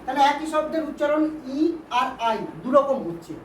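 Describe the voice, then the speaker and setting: Teaching pupils English vowels in Bengali, this woman patiently repeats words and checks understanding with questions. She speaks fairly quickly in a high voice, captured from a distance in a roomy space with faint background hiss.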